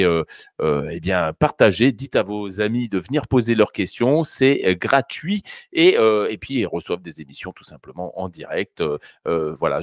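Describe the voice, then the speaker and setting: A man's voice: on the low side, no echo. A man hosting a live call-in show on dog training, giving casual advice to viewers with many fillers and restarts. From France. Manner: hesitant, many fillers and restarts, addresses callers familiarly.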